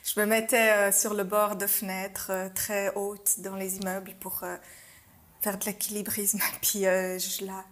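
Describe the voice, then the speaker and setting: A woman's voice: medium pitch, flat delivery, a little slow, a bit bright. A woman, a circus artist guest, telling childhood anecdotes candidly and laughing easily. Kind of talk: casual conversation.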